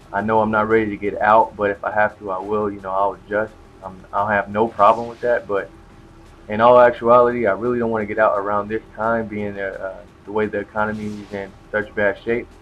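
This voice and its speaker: A young man giving casual gameplay commentary in a rambling, hesitant, laid-back way. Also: lowish voice. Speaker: gamer commentator. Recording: dull lo-fi mic with loud noise.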